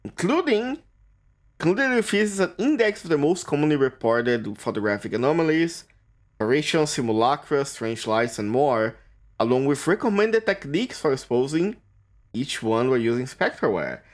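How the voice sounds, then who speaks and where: A male streamer reading a game's on-screen text aloud, stumbling and restarting on words, with quick remarks of his own. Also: fairly high pitch, very animated.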